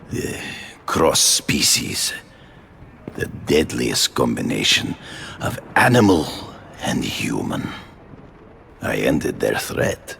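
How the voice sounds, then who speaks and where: An actor playing a proud, self-righteous big-game hunter in a video game, with a gravelly voice and hammy, theatrical, formal delivery. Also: male voice, rumbling low, pushed and bright, a little hiss or hum, exaggerated voice.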